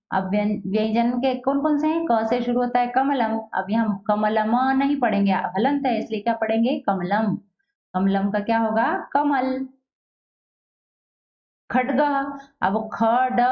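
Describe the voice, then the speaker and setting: A woman's voice: on the high side, lo-fi sound. Female teacher asking and answering herself. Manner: asks questions then answers them herself, repeats each word slowly. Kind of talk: classroom lesson for children.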